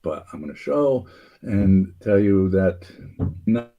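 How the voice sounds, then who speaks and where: A man's voice: low voice, very animated, takes it slowly, muffled recording. A man hosting a casual talk show, rambling through a theory with many fillers and restarts. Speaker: podcast host.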